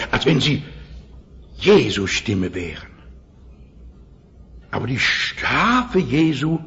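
An older man preaching an Easter sermon to a congregation, earnest, asking the listeners questions and slowing down for scripture. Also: on the high side. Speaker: pastor. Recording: dull lo-fi old sermon recording.

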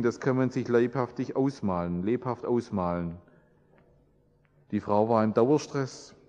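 A man's voice: mid-range voice, a little mellow. A man preaching a sermon and praying, in an earnest, repetitive preaching cadence. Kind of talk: sermon with prayer. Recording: long reverb, dull lo-fi sound.

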